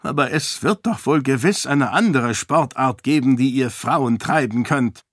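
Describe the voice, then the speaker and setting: A man voicing an irritable, blustering king who speaks gruffly and impatiently. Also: mid-range voice, a little slow, dry recording, studio quality, voice pushed up, natural voice.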